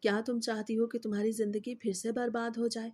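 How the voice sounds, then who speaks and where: A woman's voice: a little high, level tone, a little mellow, close to an everyday voice. A woman doing a cruel, threatening stepfather. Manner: stern, threatening. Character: cruel scheming stepfather, a middle-aged man.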